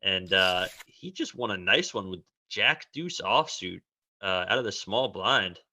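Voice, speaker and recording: A man's voice: low-pitched, animated, measured pace, sharp tone. A man giving analytical, conversational poker commentary as a co-commentator.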